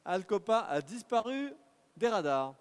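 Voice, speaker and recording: A very animated auctioneer with a high-pitched, smooth voice runs through bids in a fast, rhythmic patter at a live car auction in an auction hall, urging the bidders forward. The sound carries a long hall reverb.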